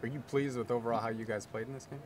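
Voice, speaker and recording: A man's voice: mid-range voice, fairly even intonation, very fast, a little hiss or hum. A man working as a sports reporter, casually putting questions in a postgame interview.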